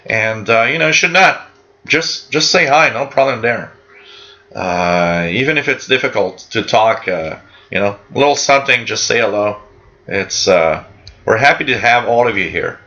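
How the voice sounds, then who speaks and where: A French-speaking man hosts a live radio hobby show, reading out viewer comments in a rambling, friendly chat full of fillers and restarts. His voice sits on the low side, with lively intonation and a moderate pace, sounding pushed and bright. The audio is lo-fi.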